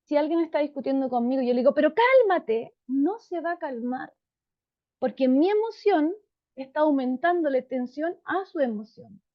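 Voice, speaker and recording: A woman psychologist explains things to parents in a warm, calm, unhurried tone, often checking in with them. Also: sits high. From Chile. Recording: dull lo-fi sound.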